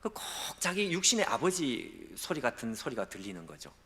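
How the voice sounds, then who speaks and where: A man as a guest pastor preaching a sermon, telling a dramatic story and acting out the quoted voices, at times dropping to a hush. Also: mid-range voice, huge pitch swings, moderate pace, vocal fry. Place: church sanctuary. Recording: long hall reverb.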